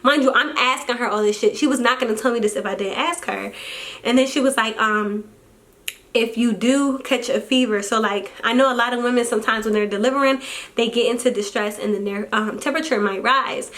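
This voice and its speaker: A young woman vlogging casually, telling a story in an animated, exasperated way and acting out what people said. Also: on the high side, quick pace.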